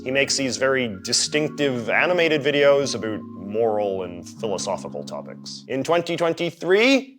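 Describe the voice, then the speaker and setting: A man from Canada delivering a measured, analytical commentary narration with a dry, wry edge. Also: medium pitch, fairly bright tone. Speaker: commentary host.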